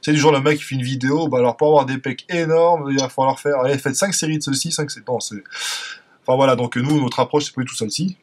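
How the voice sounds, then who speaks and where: Hosting a fitness podcast in a relaxed, chatty way, this French man from France talks fast in a medium-pitched voice with a French accent.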